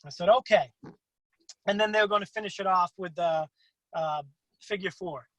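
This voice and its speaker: A man's voice: moderate pace, a bit bright, dry recording, poor audio. Profane man hosting a wrestling interview. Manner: profane, swears freely in anecdotes; acts out quotes with big pitch jumps. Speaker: interview host. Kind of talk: casual interview chat.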